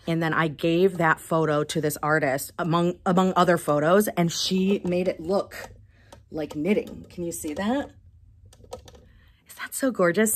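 A woman in her thirties talks on a lapel mic in a small indoor shop room. She is bubbly and chatty in a casual vlog and laughs often. Her voice sits on the low side. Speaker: yarn shop owner and vlogger. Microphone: clip-on lapel mic.

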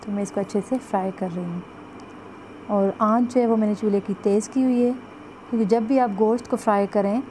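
A woman walks through a home recipe at her stove in an easygoing, chatty way. Her voice is mellow and soft-edged. The phone mic picks up a faint hiss of kitchen noise behind her. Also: medium pitch, rough recording. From Pakistan. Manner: chatty, repeats "jo hai" and "ye dekhein" while showing the pot. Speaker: cooking vlogger. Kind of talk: step-by-step cooking instructions.

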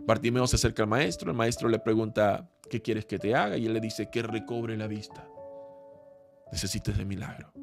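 A male pastor preaching with passion, moving between loud cries and hushed pleas, then leading a prayer. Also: medium pitch, vocal fry. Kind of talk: sermon with closing prayer.

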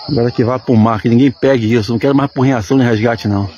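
A man giving excited, swearing live commentary at an outdoor balloon launch, calling out and mock-praying as he films. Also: mid-range voice, rapid-fire, dull audio. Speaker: balloon enthusiast filming a launch. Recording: outdoor phone recording with loud crowd noise.

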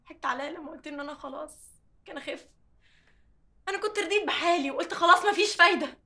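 A woman's voice: very high-pitched, rapid-fire, pushed and bright, heavily acted. An actress playing a distraught young woman in a TV drama, speaking Egyptian Arabic with bitter, tearful emotion. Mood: despairing. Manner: pleading then bitter, emotional. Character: anxious young woman, patient, Nagla. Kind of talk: TV drama acting.

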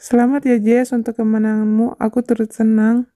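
A woman voicing a kind young man who speaks calmly and steadily and apologizes gently, in a fan-dubbed game drama. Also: on the high side, fairly quick, no echo, studio quality, natural voice. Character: kind young man, attentive boyfriend type.

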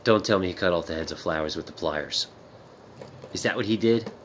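A man hosting a playful casual chat, interviewing a pretend alien in a gentle, encouraging, amused way. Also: sits low, a little fast, a little hiss or hum.

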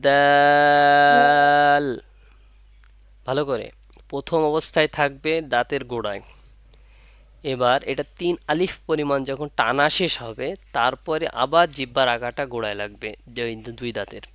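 A man teaching Arabic letter pronunciation, repeating sounds slowly and asking and answering his own questions. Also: mid-range voice, a bit bright, no echo, clean studio sound. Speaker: Quran reading teacher. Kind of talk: step-by-step pronunciation lesson.

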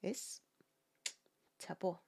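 In very slow speech, a singer with a Peninsular Spanish accent shares excited music reactions with her viewers. She often repeats words for emphasis and keeps checking in with frequent tag questions.

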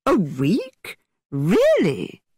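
A woman voicing a witty, playful young gentleman who teases in a mock-theatrical way. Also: on the low side, very animated, a little slow, dry recording, clean studio sound, heavily acted. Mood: teasing.

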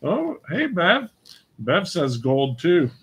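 A man's voice: on the high side, wildly swooping pitch, slow, slightly rough. A man co-hosting a live craft stream, reading out viewer comments and teasing the host with dry jokes. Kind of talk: casual live-stream banter.

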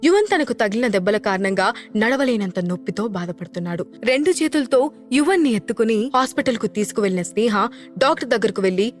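A woman narrating a dramatic family audio story in an expressive, even storytelling manner. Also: on the high side, fairly quick, soft background music.

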